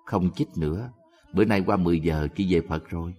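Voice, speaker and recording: A calm, peaceful woman in her thirties at the end of her life, read by a man. She speaks quietly and evenly in a very low voice, with long hall reverb around it. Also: fairly quick, husky. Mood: serene.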